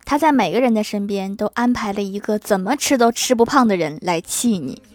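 A woman's voice: medium pitch, expressive, no echo, clean studio sound. A woman hosting a comedy podcast, reading scripted jokes and anecdotes in a playful, teasing way. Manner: playful, teasing, quick punchlines. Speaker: host of a comedy sketch podcast.

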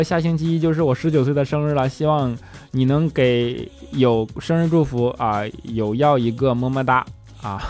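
A male show host reading listener comments aloud and teasing them with jokes, laughing often in a playful manner. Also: on the high side. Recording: music bed under the voice.

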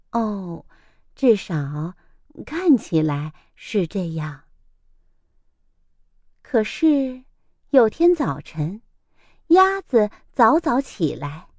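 Woman reading a kids' storybook, high bouncy voice, slow and expressive, dry close sound. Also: no room sound. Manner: slow, expressive, gently dramatic. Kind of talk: children's picture-book reading.

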